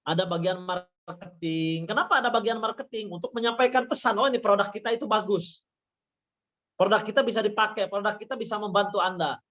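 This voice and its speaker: Over dull, lo-fi webinar audio, a man's voice sits high, a bit bright and fairly quick. He's a university lecturer working through slides, often repeating phrases and dropping fillers such as "ya" and "nah."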